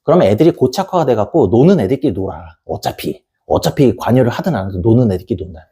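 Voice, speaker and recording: Brief: male tutor-lecturer, blunt and colloquial, rapid delivery, wildly swinging pitch, dark husky tone. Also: sing-song. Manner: blunt, colloquial, acts out scenes, swears freely. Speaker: education YouTuber and tutor. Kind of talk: blunt casual parenting lecture.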